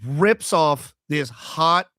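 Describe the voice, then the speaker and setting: A man hosting a podcast, telling a crude comic story in lively chat and acting out what others said. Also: a little high, dry recording, clean studio sound. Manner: animated, crude jokes, acts out quotes. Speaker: podcast host. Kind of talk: casual comedic storytelling.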